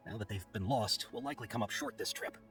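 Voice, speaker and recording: A man voicing a flustered, apologetic caravan merchant in a video game, hesitant and animated in his delivery. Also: on the low side, fast, close to an everyday voice. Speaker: voice actor in game dialogue. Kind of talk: scripted video game voice acting. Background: game background music.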